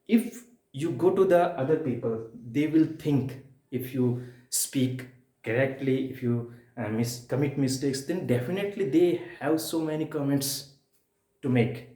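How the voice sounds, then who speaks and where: This Hindi-speaking man from India teaches spoken English in a repetitive style, leaning on rhetorical questions and emphatic pauses. He has an Indian accent and a warm, mid-range voice, and the recording sounds echoey.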